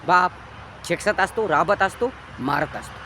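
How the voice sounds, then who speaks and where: A man with a Marathi accent giving an impassioned moral lecture, preachy and repetitive, swinging between loud emphatic bursts and quiet low lines. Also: measured pace, background noise. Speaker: motivational speaker.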